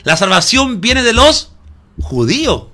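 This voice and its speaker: A man with a very high, sharp voice preaches in a sing-song, slightly slow way. As pastor, he delivers an emphatic sermon, often calling the congregation "hermano" and asking them rhetorical questions.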